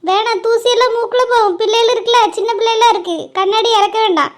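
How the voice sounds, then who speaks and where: A woman's voice: very high-pitched, steady tone, fast. A woman voicing a bossy, fussing middle-aged mother who scolds her family. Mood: annoyed. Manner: scolding, chiding. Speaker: voice artist playing a mother.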